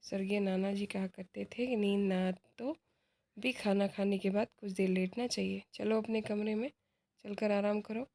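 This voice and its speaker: A woman's voice: mid-range voice, fairly even intonation, normal speed, mellow, close to an everyday voice. A woman reading aloud the part of a strict, orderly mother who scolds her household. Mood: stern. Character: strict, orderly mother, prim older sister.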